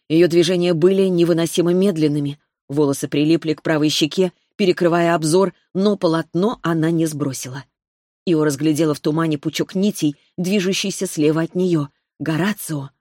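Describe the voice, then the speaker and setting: Low-voiced woman narrating fantasy. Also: a little mellow, dry recording, studio quality. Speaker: audiobook narrator.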